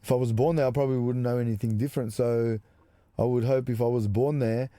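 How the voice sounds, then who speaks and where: A middle-aged Macedonian man co-hosts a podcast from a small caravan music studio, chatting casually in a laid-back way and swearing freely. His medium-pitched voice is mellow and fast, with fairly even intonation. There's no echo.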